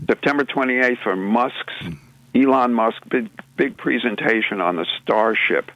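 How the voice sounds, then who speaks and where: A man co-hosts a casual radio talk show, presenting news segments in a rambling way full of restarts and filler sounds. His mid-range voice is fairly bright and a little slow. The recording has no room sound and the highs are cut off.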